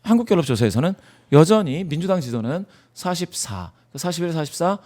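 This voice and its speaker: A man's voice: fairly high pitch, big pitch swings, a little fast, a little mellow. A man in a studio interview, explaining poll data emphatically and asking himself rhetorical questions. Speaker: poll analyst guest.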